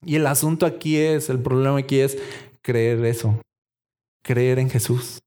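A man's voice: mid-range voice, level tone, measured pace, warm tone. A man preaching a sermon, acting out imagined dialogue and asking the congregation questions.

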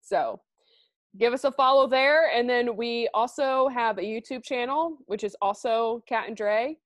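A woman's voice: a little high, measured pace, no echo. A woman co-hosting a podcast in casual, informal banter, swearing freely. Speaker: podcast co-host.

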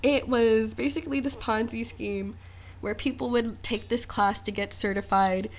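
A young woman co-hosting a podcast, chatting casually, animated and laughing often. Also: on the high side, moderate pace. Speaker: podcast co-host.

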